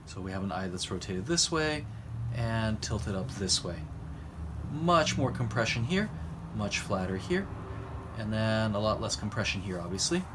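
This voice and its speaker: A man explaining how to draw eyes and mouths, talking while he sketches and pausing between phrases. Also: on the low side, big pitch swings, background noise. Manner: explanatory, talks while drawing, pauses mid-phrase. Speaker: drawing instructor. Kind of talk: recorded art lesson.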